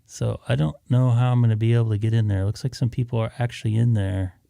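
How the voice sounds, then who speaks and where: A man's voice: mid-range voice, little pitch movement, fast, gravelly, dark tone, no room sound. A man hosting a live stream, chatting casually and offhand as he thinks aloud.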